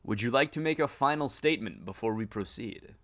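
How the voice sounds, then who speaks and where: A man's voice: medium pitch, expressive, a little fast, over loud music, close to an everyday voice. A man reading out a solemn, stern official who pronounces sentence in a horror game, in formal phrases.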